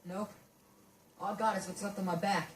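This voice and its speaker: A woman's voice: medium pitch, steady tone, moderate pace, close to an everyday voice. A woman voicing a frightened young boy who pleads for help in a video game, heard as roomy, distant game audio with faint hiss. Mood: relieved. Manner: pleading, panicky.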